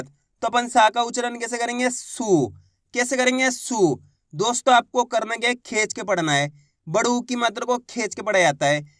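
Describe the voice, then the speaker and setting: A man's voice: extremely high pitch, a bit bright, no echo, clean studio sound. A man teaching a reading lesson step by step, patiently asking and answering his own questions and drilling each sound.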